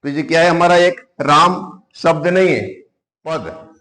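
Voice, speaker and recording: A man teaches a grammar class, his voice sitting a little high. He explains patiently, point by point, asking the class a question and then supplying the answer himself. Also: lively intonation, a little slow, a bit bright, poor audio.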